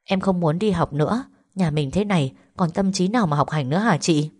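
Teen little sister, sulky and discouraged, low voice; woman reads her. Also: fairly quick, darkish tone, close to an everyday voice. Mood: dejected. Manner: complaining, dejected.

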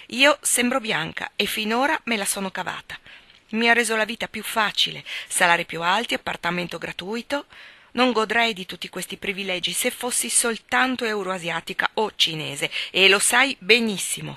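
A woman's voice: medium pitch, vocal fry, bright, forceful tone, dry recording. A woman reading aloud as a practical young woman who answers sharply and defensively.

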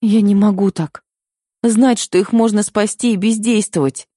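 A man's voice: sits high, fairly even intonation, measured pace, mellow, dry recording, studio quality, pitched above the performer's own voice. A man voicing an emotional young wife in an audiobook, pleading and tearful. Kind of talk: audiobook character voice.

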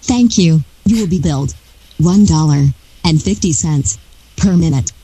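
Lady on a recorded collect call prompt thru the phone, kinda low, distant sounding. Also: measured pace, dark tone, breathy edge. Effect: recorded collect-call prompt played over a phone line. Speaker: automated collect-call operator. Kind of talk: scripted automated announcement.

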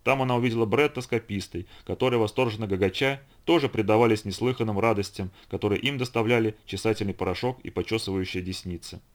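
A man narrating an audiobook in an even, measured way. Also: lowish voice. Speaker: audiobook reader. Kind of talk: scripted narration.

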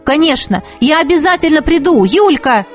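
A woman's voice: high voice, lively intonation, faint music behind, voice pushed up. A woman voicing an earnest young man in love. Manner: quick and focused. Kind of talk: audiobook character reading.

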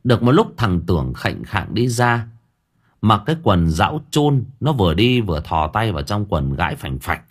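A man narrating a comic supernatural audiobook in a lively, colloquial way. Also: on the low side, normal speed, breathy edge. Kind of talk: storytelling narration.

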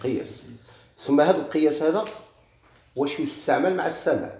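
A fairly high-pitched, slightly mellow man with a Moroccan Arabic accent gives a brisk grammar lesson. He questions and answers himself, repeats key terms, and is heard in an echoey space with faint noise.

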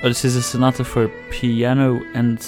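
Speaking at normal speed in a monotone, mid-range voice, a native Portuguese-speaking man offers casual radio commentary. His talk is hesitant and rambling with frequent repeated words, and loud classical viola and piano music sits under it.

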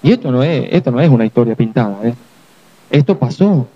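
A man preaching a sermon as pastor, telling the story vividly with quick acted asides. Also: medium pitch, animated, lo-fi sound.

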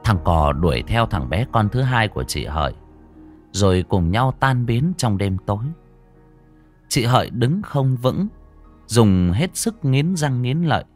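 A man telling a ghost story in scripted narration, dramatic and slowing down for suspense. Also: on the low side.

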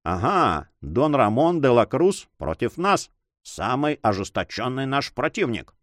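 A man voicing a rough, hot-tempered sea captain who talks bluntly and mockingly. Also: medium pitch, very animated, unhurried, fairly bright tone, dry recording, clean studio sound.

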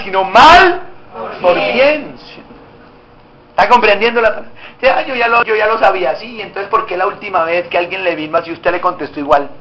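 A man's voice: sits high, bright, forceful tone. A man preaching to his congregation, asking them questions and acting out little scenes. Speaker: pastor. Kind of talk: interactive sermon. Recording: echoey church room with faint noise.

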